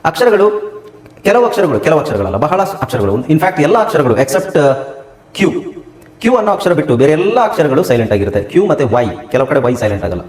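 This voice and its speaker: A man teaching an English lesson, explaining letter by letter in a lively, emphatic way. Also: roomy sound. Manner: fast sales pitch in the ad. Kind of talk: spoken English lesson with a promo break.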